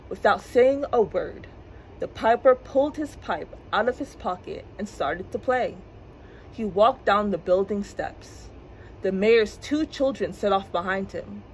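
A woman storyteller for children's story time, expressive and clear, with a mid-range voice and a faint hum behind her. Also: mid-range voice, rough recording. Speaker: librarian storyteller. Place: public library.

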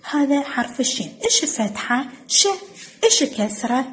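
A woman with a high voice and an Iraqi Arabic accent teaches young children to read. She drills syllables one by one in a slow sing-song, stretching each sound out. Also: big pitch swings, fairly bright tone. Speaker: primary school teacher. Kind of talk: recorded phonics lesson for young children.

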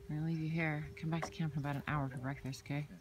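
A middle-aged mother briskly giving her kids directions at a campground, filmed on a handheld phone. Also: low voice, level tone. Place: outdoor campground. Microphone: handheld phone camera at arm's length. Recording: handheld phone camera with loud background noise.

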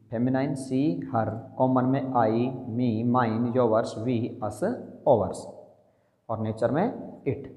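A man teaching an English grammar lesson, reading English rules slowly and then explaining them quickly in Hindi. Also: medium pitch, mellow, in a large hall.

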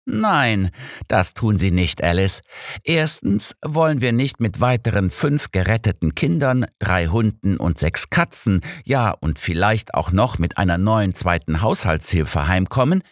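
A man's voice: lowish voice, animated, measured pace, dry recording, clean studio sound, pitched above the performer's own voice. A man voicing a smug, lecturing old detective. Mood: coaxing. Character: sharp, know-it-all older male detective.

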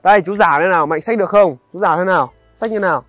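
A man's voice: sits high, a bit bright, dry recording, faint music behind. Young man. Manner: halting, conversational, addresses viewers directly. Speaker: vlogger. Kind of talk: casual on-location narration to viewers. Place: outdoors in a highland village.

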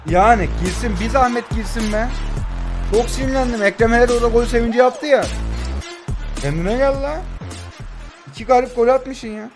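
A man's voice: very high voice, normal speed, long pauses, music in the background. A man in his twenties giving heated live commentary over a mobile football game, urging his players on and needling his opponent. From Turkey. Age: 20s.

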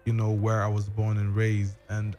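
A man's voice: fairly low pitch, monotone, moderate pace, dark tone, soft background music. A young man from Germany speaks on a studio mic in a small radio room. He talks earnestly and at length, his sentences stitched together with casual fillers. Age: young adult. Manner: earnest, talks in long runs with many "like"s. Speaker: guest blogger. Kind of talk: casual podcast conversation. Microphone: studio mic with headphones.

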